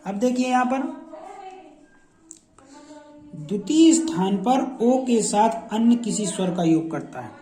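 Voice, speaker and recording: A man's voice: high-pitched, animated, slow, pauses often, dark tone, soft background music. A man teaching a shorthand class, saying each example word aloud again and again as he explains how it is written. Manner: repetitive, drills each word aloud several times. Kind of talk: classroom lesson. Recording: echoey room.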